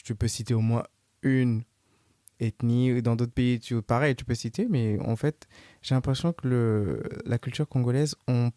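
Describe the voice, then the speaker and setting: A man's voice: mid-range voice, dark tone, clear, resonant tone, dry recording, studio quality. A man hosting an interview podcast, asking questions casually and often stopping to rephrase them mid-sentence. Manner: hesitant, restarts questions often. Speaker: podcast host.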